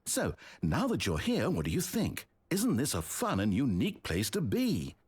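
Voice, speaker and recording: A British man voicing a wry, teasing narrator in a video game, speaking directly to the player in a deep, sultry, mocking tone. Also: wildly swooping pitch, moderate pace, darkish tone, breathy edge, exaggerated voice.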